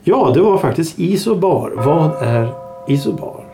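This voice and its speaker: A man's voice: fairly high pitch, big pitch swings, over music. A man co-hosting a casual podcast, swearing freely and teasing his co-hosts. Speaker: podcast co-host. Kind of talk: casual chat.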